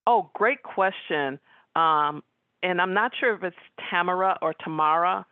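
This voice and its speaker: A woman giving a webinar talk as guest speaker, chatting with the audience and pausing on fillers. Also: lowish voice, lively intonation, no echo. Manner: conversational, frequent fillers. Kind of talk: webinar presentation with audience questions. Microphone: video call. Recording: tinny phone-like line.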